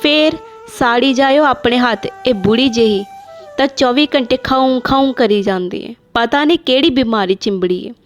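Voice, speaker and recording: ਇੱਕ ਔਰਤ ਵੱਲੋਂ ਨਿਭਾਈ ਤਿੱਖੀ, ਝਿੜਕਦੀ ਜਵਾਨ ਮਾਂ. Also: female voice, high voice, normal speed, soft background music, natural voice. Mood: scolding. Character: sharp-tongued young mother scolding her family.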